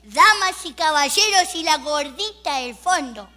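A woman's voice: high-pitched, expressive, pushed and bright, faint music behind, heavily acted. A woman putting on a grandiose male auctioneer. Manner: slow and grandiose. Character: pompous slow-talking male auctioneer.

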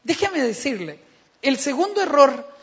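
A male pastor preaching a sermon with a dramatic delivery, acting out dialogues and building to loud, emphatic passages. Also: very high voice, sing-song, a little slow. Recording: dull recording in a reverberant hall.

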